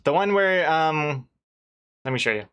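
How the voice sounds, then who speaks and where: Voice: medium pitch, expressive, unhurried, clear, resonant tone, highs cut off. Casual, hesitant rambler thinking aloud. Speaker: webcomic artist.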